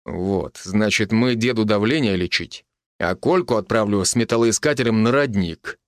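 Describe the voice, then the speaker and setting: A man voicing a gruff but tender army major speaking softly to his wife. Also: dry recording, clean studio sound, close to an everyday voice. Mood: decisive. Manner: low, hushed, slow.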